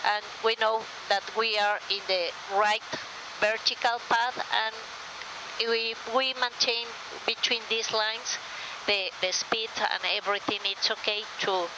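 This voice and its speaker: A woman's voice: a little high, fairly even intonation, unhurried, background noise. A woman airline pilot with a Mexican accent, talking and explaining things informally in the cockpit during flight. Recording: clear aircraft cockpit drone.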